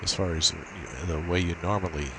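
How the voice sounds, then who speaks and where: This amateur radio operator's voice sits low as he gives an informal, halting tech demo, thinking aloud while walking through his setup on screen. Everything is captured by a built-in laptop microphone, leaving a steady, cheap-sounding hiss.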